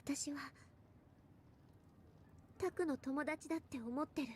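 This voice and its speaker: A woman voicing a gentle, secretive teenage girl who speaks softly and half-whispers, in an anime-style game clip. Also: high-pitched, moderate pace, lightly acted. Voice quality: soft, hushed.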